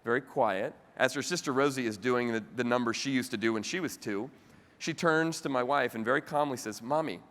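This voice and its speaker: A man giving a motivational keynote speech to a convention audience and telling a family story with animated energy. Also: medium pitch, brisk. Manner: animated storytelling with the audience, voice rising sharply when telling a funny part. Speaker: keynote speaker. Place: large convention hall. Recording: live hall recording with long reverb.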